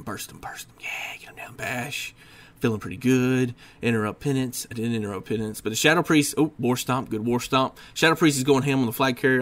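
A tired, yawning man giving a casual, rambling voiceover over his gameplay, often putting himself down and filling pauses with ums. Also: medium pitch, a bit bright. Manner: rambling, self-deprecating, with many ums. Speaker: gaming YouTuber. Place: at a desk at home.

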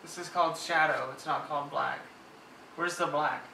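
A man's voice: on the high side, fairly even intonation, normal speed, gravelly. A young man banters casually, joking and teasing between takes of a home video. His voice is picked up from across an echoey room, with noticeable noise behind it. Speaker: vlogger rehearsing an announcement video. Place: seated at a table in a home room. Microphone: camera a few metres away. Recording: roomy, distant camera mic, noisy background.

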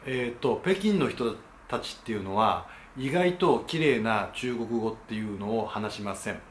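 Man, channel host, polite casual explainer, frequent fillers, echoey room, faint background hum. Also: mid-range voice. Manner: polite, lots of hesitation fillers. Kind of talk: casual explainer talk to camera.

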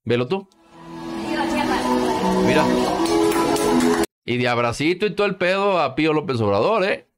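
A man's voice: on the high side, expressive, normal speed, long pauses, over loud music. A man with a Mexican Spanish accent hosting sarcastic political commentary, crude and mocking, full of slang and swearing. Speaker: host.

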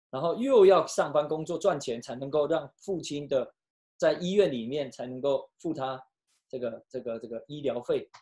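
Pastor telling a story in a sermon, goes quiet then loud, stumbles and restarts a bit. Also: mid-range voice. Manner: emotional, with sharp swings from hushed to loud.

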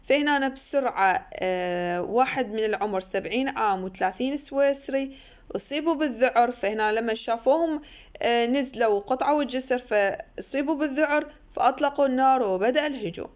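A woman lecturer, explaining an English text line by line in with many pauses and fillers. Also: high-pitched. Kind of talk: recorded university lecture. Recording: muffled lo-fi recording.

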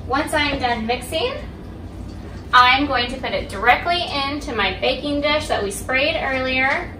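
Young woman walking thru a recipe at home, kinda high voice, mic far off, roomy kitchen sound. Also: a little slow, bright, forceful tone. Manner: clear, instructive, addresses viewer directly. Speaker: cooking instructor. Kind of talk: step-by-step cooking demonstration. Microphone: camera across the kitchen. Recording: echoey kitchen, voice from off-mic, household noise.

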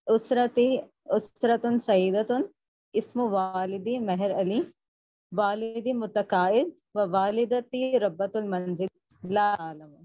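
A woman from Pakistan, a student reciting a self-introduction in class with hesitant pauses and fillers. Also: medium pitch, dark tone, no room sound, dull audio.

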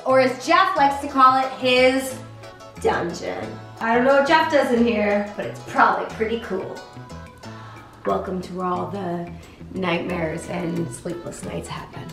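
A young woman vlogger gives a comedic tour of her own apartment, self-mocking and deadpan, swinging between bright and flat delivery. Her voice is slightly high and measured in pace. A handheld camera mic picks her up at a distance, with roomy echo and music in the background.

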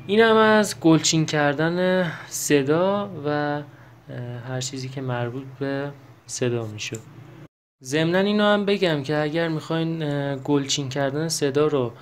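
A man teaching how to use an electronic keyboard in a casual step-by-step tutorial, pausing with fillers and correcting himself as he presses buttons. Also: a little high, a little hiss or hum. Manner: explains while pressing buttons, with many fillers and self-corrections.

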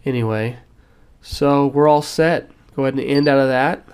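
A sick man casually walking through the settings on a radio transmitter at a cluttered workbench, relaxed and step by step. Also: medium pitch, moderate pace, clean tone. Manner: relaxed, with fillers and step-by-step instructions. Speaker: hobbyist demonstrating a radio transmitter. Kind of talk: casual tutorial walkthrough.

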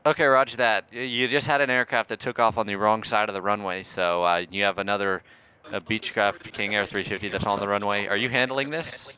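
Playing an improvised air traffic controller in a flight simulator game, a man barks orders in a bossy, sarcastic, mock-authoritative way. His lowish voice is bright and forceful, steady in tone and a little fast, heard over muffled voice chat with faint noise.

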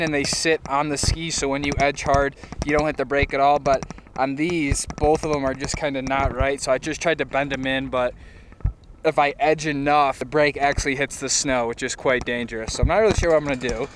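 A man's voice: medium pitch, noisy background. Laid-back young man vlogging on the slopes. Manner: easygoing, rambling with many likes and restarts. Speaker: ski vlogger. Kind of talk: casual vlog talk to camera. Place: outdoors on ski slopes and in a parking lot. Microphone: action camera on helmet or handheld.

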